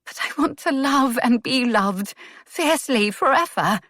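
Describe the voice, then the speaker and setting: A woman's voice: sits high, animated, measured pace, fairly bright tone, no echo, studio quality, voice pushed up, exaggerated voice. A woman voicing an earnest young noblewoman who speaks of love with a trembling voice. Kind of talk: audiobook character voice.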